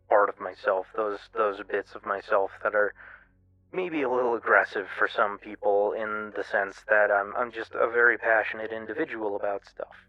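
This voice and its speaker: Hesitant man, low voice, muffled recording. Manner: hesitant, halting, self-reflective. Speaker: streamer. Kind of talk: candid personal monologue, casual. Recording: muffled, roomy lo-fi radio-like sound, music behind. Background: music.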